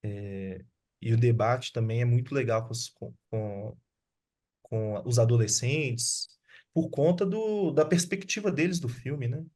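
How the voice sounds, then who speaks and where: A man's voice: medium pitch, a little slow. A man, a guest filmmaker talking casually over a video call, loose and slangy, often restarting his sentences. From Sabará, Brazil. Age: 30s. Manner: relaxed, slangy, with frequent restarts. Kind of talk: casual online conversation.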